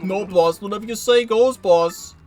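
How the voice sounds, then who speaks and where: A fawning mob yes-man, as a man puts him on, pitched up and loud, agreeing with everything the boss says. Game music plays faintly behind. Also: normal speed, close to an everyday voice. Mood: eager. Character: eager male mob henchman, yes-man.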